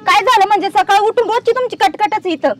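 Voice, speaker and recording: A sharp-tongued young daughter-in-law, played by a woman, ranting fast in a very high, piercing voice. She spits scorn and complaint at her in-laws in a village family drama. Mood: defiant. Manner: scolding, contemptuous rants.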